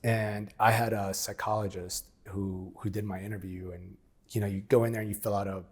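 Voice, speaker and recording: Frank, husky-voiced man in his forties. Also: lowish voice, flat delivery, fairly quick. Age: 40s. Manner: frank and plain-spoken, often acting out past exchanges. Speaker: interview guest, former military operator. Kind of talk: candid conversational storytelling.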